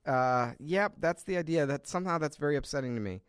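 A man's voice: a little high, fast talker, clear, resonant tone, no room sound. A man co-hosting a podcast, answering with dry, short quips in casual chat. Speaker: podcast co-host.

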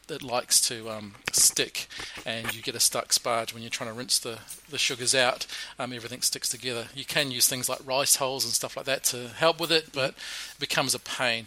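A man's voice: mid-range voice, pushed and bright, low-quality recording. A man talking casually as a guest brewer on a podcast, recorded live in a small back room, explaining matter-of-factly with dry humour. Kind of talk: casual podcast interview, telling brewing stories.

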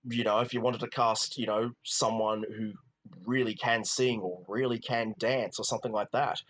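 A man's voice: on the low side, fairly even intonation, moderate pace, a bit bright, poor audio. A man co-hosting a film podcast, talking casually and rambling, with many restarts and "you know"s. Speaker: podcast co-host. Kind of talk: casual film review chat.

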